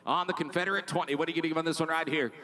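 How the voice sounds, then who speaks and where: A man working as a live auctioneer, calling bids in a rapid, rhythmic, repetitive chant. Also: on the high side, steady tone, crowd noise.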